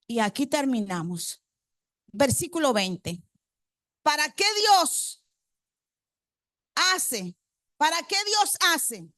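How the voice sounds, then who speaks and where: A woman's voice: high voice, very animated, takes it slowly, pauses often, bright, forceful tone, no echo, clean studio sound. A woman preacher delivering a congregational sermon. She quizzes the congregation with rhetorical questions and repeats key phrases for emphasis.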